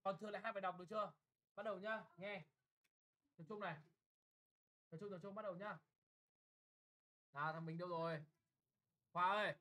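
Young man, classroom exam tutor; brisk, blunt, keeps checking if students follow. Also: sits high, steady tone, fairly bright tone, rough recording. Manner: brisk and bossy, often checking "got it?". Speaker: English tutor.

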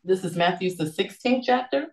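A woman on a video call reading scripture aloud in a measured, steady way. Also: medium pitch. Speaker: scripture reader. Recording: roomy, echoey video-call audio.

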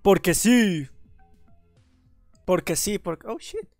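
A man with a Mexican accent chatting excitedly on a gaming livestream while he has a cold, often stammering over repeated words. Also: high voice, slow, no room sound, soft background music. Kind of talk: casual gaming livestream chat.

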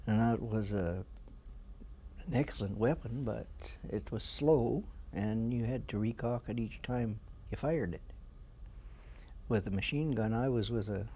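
An elderly Canadian man in his seventies, a veteran remembering his service in an interview in a halting, plain-spoken way. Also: lowish voice, mellow, husky. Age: 70s. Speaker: war veteran being interviewed. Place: small indoor room with flags. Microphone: lapel mic.

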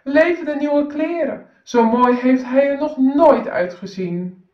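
Woman, teacher, reading aloud to children, lively storytelling, muffled roomy recording. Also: mid-range voice. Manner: slow, lively, expressive storytelling.

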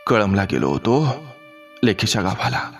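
A man voicing an injured, lost old villager, speaking slowly and wearily. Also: on the low side, big pitch swings, gravelly, soft background music, full character voice. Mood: pained, weary. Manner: slow, weary and pleading.

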